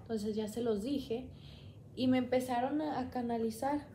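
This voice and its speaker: A woman's voice: on the high side, normal speed, dark tone, a little hiss or hum. A young woman, chatting and rambling as she tells a personal story on her vlog. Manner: chatty, rambling, quoting herself often. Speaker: vlogger.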